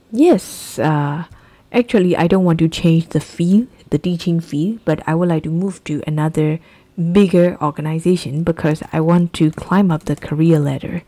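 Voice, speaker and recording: In a low, dark voice, a Myanmar-born English teacher with a Burmese accent leads exam preparation. She drills the class by repeating key phrases slowly.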